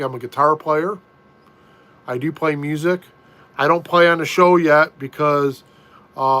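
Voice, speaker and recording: An easygoing middle-aged American man chats on a home live stream. His voice sits a little high for a man, and he speaks slowly, repeating himself and starting sentences over as he answers viewers. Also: pushed and bright. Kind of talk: casual live chat reading viewer comments. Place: room at home.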